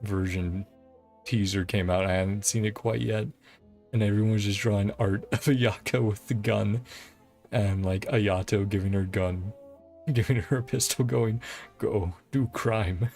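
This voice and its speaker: Speaking low with a steady tone and a measured, slightly mellow delivery, a livestream host makes casual game stream chat. He rambles, giggles and hesitates, and game music runs in the background.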